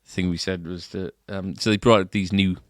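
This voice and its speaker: A man's voice: deep voice, level tone, normal speed, no room sound, studio quality. A man co-hosting a shop podcast, chatting casually and often ending remarks with tag questions. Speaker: podcast co-host at a guitar shop. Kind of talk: casual chat. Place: shop, indoors.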